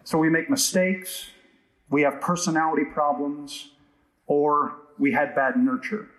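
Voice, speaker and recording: A man's voice: fairly high pitch, a little slow, fairly bright tone. Man preaching in an echoey room. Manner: conversational preaching with frequent "right?" asides. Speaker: pastor. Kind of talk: sermon.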